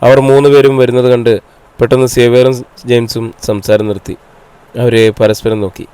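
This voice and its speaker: A man reading a novel aloud as an audiobook narrator, in a steady storytelling read on a close mic. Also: medium pitch, moderate pace, clear, resonant tone, dry recording. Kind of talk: scripted narration.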